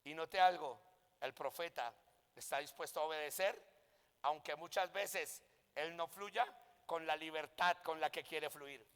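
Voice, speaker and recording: High-voiced fervent male preacher. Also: measured pace, smooth, in a large hall. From Colombia. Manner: impassioned, rising to shouts on key points. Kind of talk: sermon with personal testimony.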